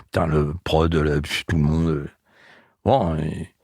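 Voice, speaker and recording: A man in his sixties, a comedian and guest, telling animated anecdotes in casual chat and acting out the people he quotes. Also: rumbling low, takes it slowly, dry recording, studio quality. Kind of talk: casual storytelling.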